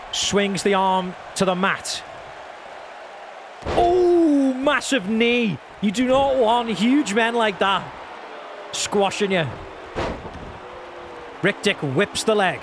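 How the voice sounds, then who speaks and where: Male wrestling commentator, very high voice, excitable play-by-play, noisy recording. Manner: excitable, shouting at big moves. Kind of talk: wrestling commentator play-by-play of a video game match.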